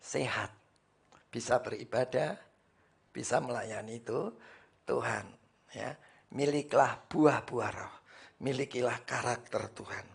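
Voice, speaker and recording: A man's voice: mid-range voice, slow pace, vocal fry, pauses often, breathy edge. A male pastor preaching a sermon at a church service, speaking emphatically and often addressing the congregation directly.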